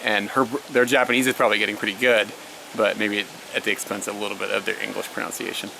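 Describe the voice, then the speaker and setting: A young American elementary school teacher vlogs casually, answering viewers' questions as a storyteller who uses "like" a lot and laughs often. His voice is fairly low and creaky with little pitch movement, he talks quickly, and there's background noise.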